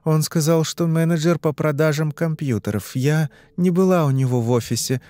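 A man voicing a frightened young woman under hypnosis in an audiobook, answering in short, halting phrases. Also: on the high side, mellow, no echo, voice pushed up, lightly acted. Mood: uneasy. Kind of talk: audiobook reading.

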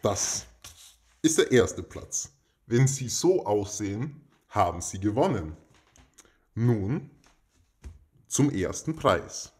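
A man with a lowish voice hosts a giveaway announcement in a very slow, drawn-out delivery. He sounds pompous and stilted, keeping a deadpan, mock-official formality throughout. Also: slight background noise. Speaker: host of a giveaway. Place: indoors in a home.

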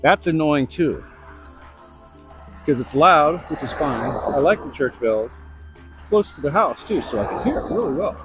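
A man's voice: on the high side, expressive, moderate pace, pauses often, over music, poor audio. A middle-aged man rambling bluntly in a casual walk-and-talk vlog, recorded outdoors on a lapel mic. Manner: rambling, chatty, blunt asides. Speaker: vlogger. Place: outdoors on suburban streets. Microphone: lavalier mic.

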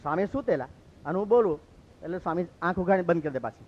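A man from Gujarat, a monk telling stories in a lively sermon and acting out what others said. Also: high-pitched, very fast. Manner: lively, acts out quoted speech. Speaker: monk preacher. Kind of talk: storytelling sermon. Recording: dull lo-fi recording.

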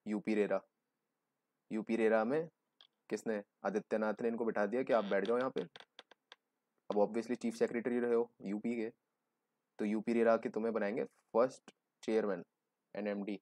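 A man's voice: lowish voice, fairly even intonation, normal speed, pauses often, a little mellow. A young man giving a joking, conversational exam-prep lecture, explaining with everyday examples. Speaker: teacher.

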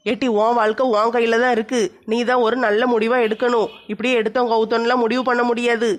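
A woman's voice: a little high, level tone, quick pace, close to an everyday voice. A tall, bossy village woman, newly married, played by a woman. She teases and coaxes, as in a comic skit. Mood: reassuring. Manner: teasing, loud, coaxing.

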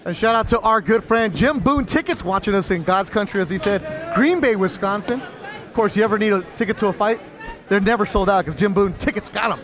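A man's voice: high voice, brisk, a crowd in the background. A man doing casual boxing commentary, bantering in a jokey, chummy, slangy way. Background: music.

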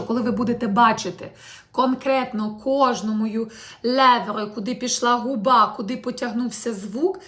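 A woman teaching French pronunciation in an online video lesson, speaking warmly to her viewers and slowly drilling French phrases out loud. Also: fairly high pitch. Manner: addresses viewers warmly as "my dear ones".

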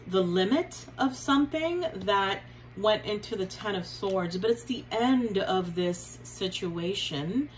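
A woman tarot reader talks her viewers through a card spread at a slow, unhurried pace, using pet names and repeating herself as she turns each card. Her voice sits in a middle pitch, with a faint hiss of noise under the recording. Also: low-quality recording. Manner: chatty, affectionate, repeats signs and card names. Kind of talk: casual tarot reading to viewers.

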